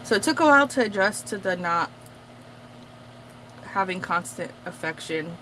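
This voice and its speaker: A young woman whose first language is Portuguese, a craft vlogger, chats casually while she crafts, rambling with lots of fillers. Her voice is on the low side and fairly bright, with lively intonation at a moderate pace, on a rough recording with slight background noise.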